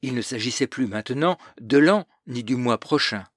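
A man narrating a novel as an audiobook in a measured, literary manner. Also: medium pitch, expressive, dry recording, studio quality.

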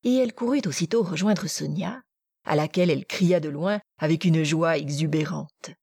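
A woman narrating a classic novel in a measured, expressive audiobook reading. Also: low voice, gravelly, husky, no room sound, clean studio sound. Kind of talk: literary narration.

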